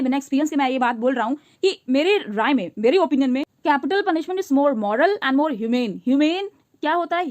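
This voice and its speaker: High-voiced woman teacher explaining a story. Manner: reads English lines slowly, then explains them in chatty Hindi with rhetorical questions. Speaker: English teacher.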